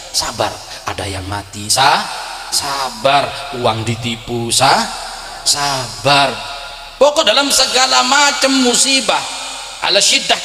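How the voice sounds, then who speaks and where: Animated high-voiced preacher in echoing hall. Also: male voice. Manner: animated storytelling, acts out quoted characters, blunt jokes. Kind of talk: sermon at a religious gathering. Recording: echoey hall with long reverb.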